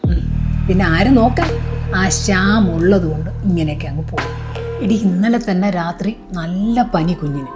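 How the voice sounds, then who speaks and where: A woman's voice: lowish voice, lively intonation, normal speed, music in the background, lightly acted. A woman playing a harsh, bossy mother-in-law. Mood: gossiping. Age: older. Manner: scolding, domineering. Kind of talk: short film acting.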